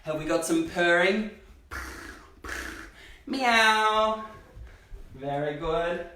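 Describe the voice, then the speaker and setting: Male kids' gym coach: high, slow, encouraging delivery, recorded from a distance in an echoey hall. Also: a bit bright, a little hiss or hum. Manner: upbeat, encouraging, cheering children on. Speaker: gymnastics coach. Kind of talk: kids' movement class, live stream. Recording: roomy echo, distant from mic.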